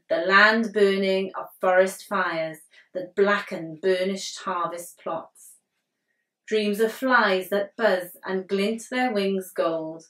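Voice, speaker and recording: A woman poet with a mid-range voice reads poetry slowly while sitting on a sofa in her living room. The distant mic picks up a roomy, echoey sound.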